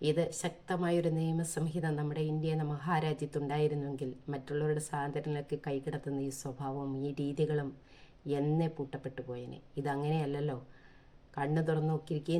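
A woman's voice: low-pitched, warm tone. A woman from Kerala delivering an impassioned opinion vlog, pleading earnestly and asking rhetorical questions. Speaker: vlogger.

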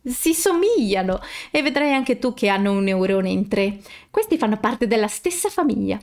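A woman's voice: mid-range voice, big pitch swings, normal speed, darkish tone. A woman voicing a bold, playful young woman who teases with mocking mischief, read in an audiobook.

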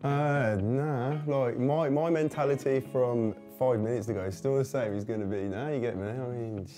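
A man's voice: mid-range voice, normal speed, mellow, soft background music. A man, chatting in an easygoing, laid-back way on a dating show. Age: 20s. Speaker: speed dating contestant. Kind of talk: casual chat.

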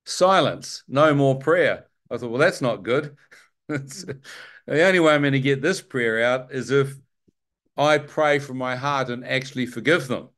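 A man's voice: mid-range voice, a little slow. A man telling his testimony to a church audience, acting out his thoughts and prayers with wry, joking asides. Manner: animated storyteller who acts out his own thoughts and prayers. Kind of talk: testimony sermon.

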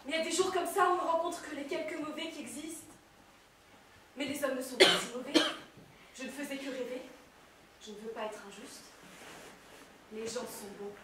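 A woman playing a despairing young male soldier back from the war, bitter and accusing on a stage. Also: high voice. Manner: bitter, accusing, bursts into shouts. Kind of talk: stage play performance. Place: theatre stage. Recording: echoey hall, mic far off, faint noise.

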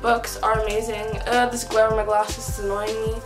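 With music playing in the background, a 15-year-old girl from America's East Coast chats casually to camera from her small bedroom, introducing herself on a shared vlog channel. Her voice is on the high side, level in tone and moderately paced, reverberant through the close camera mic, and she rambles upbeat with lots of "like" and "whatever".

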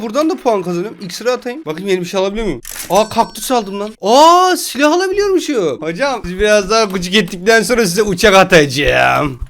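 A young man giving playful, teasing gaming commentary, laughing often and breaking into shouts. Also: high voice, a little hiss or hum. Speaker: gaming YouTuber.

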